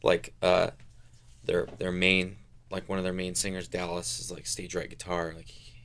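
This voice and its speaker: Deep-voiced young man, rambling. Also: monotone, moderate pace, a bit bright, a little hiss or hum. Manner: rambling, lots of "like" fillers. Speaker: band member guest. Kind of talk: casual interview chat.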